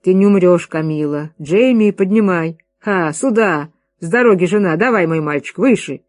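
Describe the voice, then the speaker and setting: A reader voicing a gruff, commanding middle-aged father who gives orders. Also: medium pitch, normal speed, a little mellow, no room sound, close to an everyday voice. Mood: bossy. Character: stubborn excitable father, middle-aged man.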